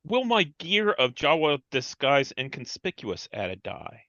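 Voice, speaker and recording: A man's voice: fairly high pitch, sing-song, unhurried, sharp tone, no echo, highs cut off. A man playing a tabletop game online, curious and asking about the rules. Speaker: player. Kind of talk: tabletop roleplaying chat.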